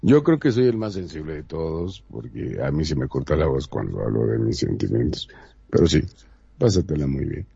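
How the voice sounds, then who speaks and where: A man co-hosting a radio show, telling a story slowly with a dramatic storyteller's voice. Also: extremely low pitch, big pitch swings, creaky, dark tone, husky, no room sound, lo-fi sound. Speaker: co-host. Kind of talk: casual radio chat, storytelling.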